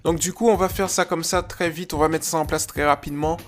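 A man's voice: a little high, fairly even intonation, brisk, faint music behind. A man hosting a dog-training podcast in a chatty, enthusiastic monologue full of fillers.

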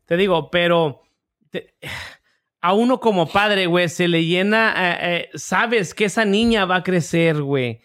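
A man's voice: high voice, measured pace, a bit bright. A man, a podcast co-host in casual chat, mostly short slangy replies.

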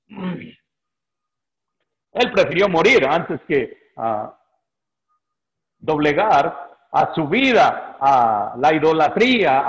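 A man preaching a sermon to his congregation and reading scripture aloud, exhorting them with drawn-out "ah" pauses. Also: on the high side, rough recording. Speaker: pastor.

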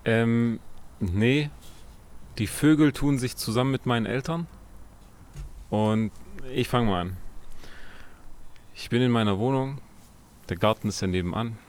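A man's voice: mid-range voice, measured pace, pauses often. A young man in casual conversation, telling a story and quoting his parents' lines back and forth. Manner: animated anecdote, quotes his parents in dialogue. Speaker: podcast co-host.

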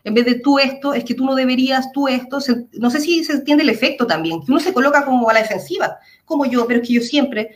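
A woman's voice: sits high, fast, few pauses. Earnest Chilean woman psychologist. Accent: Chilean Spanish. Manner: earnest, explains with everyday examples. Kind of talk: explanatory interview talk.

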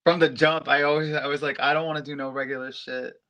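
A man with a fairly high, quick voice tells stories in a casual chat as an interview guest who works as an aerialist and go-go dancer. Loose and animated, he laughs often and fills his talk with "like."

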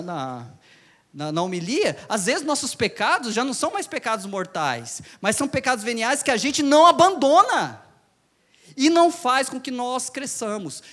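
A man's voice: extremely high pitch, fairly bright tone. A man with a Brazilian Portuguese accent preaching a sermon in a church. He talks animatedly, repeats his phrases and calls out to the congregation. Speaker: lay preacher.

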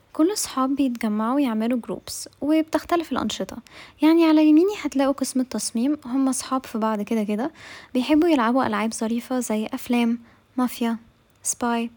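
A woman's voice: a little high, a little mellow. A woman with an Egyptian accent hosting a podcast, telling a comic office diary in a chatty, sarcastic way with asides to her listeners. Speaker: podcast host and narrator. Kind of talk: comic diary-style storytelling.

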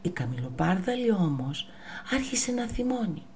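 A woman's voice: mid-range voice, slightly rough. A woman storyteller narrating a fable for children, often speaking to them directly. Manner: lively, addresses the children directly.

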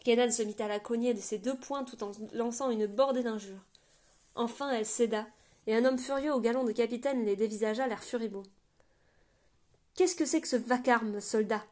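A woman narrating a fantasy novel aloud in a quiet, measured reading voice. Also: on the high side, fairly even intonation. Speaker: audiobook narrator.

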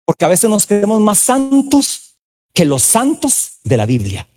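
Male pastor, very high voice, impassioned preaching, slow stressed words, sudden shouts. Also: huge pitch swings. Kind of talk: sermon.

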